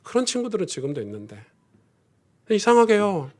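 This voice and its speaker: A man's voice: very animated, a little fast. A middle-aged man preaching a Sunday sermon as pastor, telling stories and rising into fervent prayer. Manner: storytelling, swells to fervent high-pitched prayer. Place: church sanctuary.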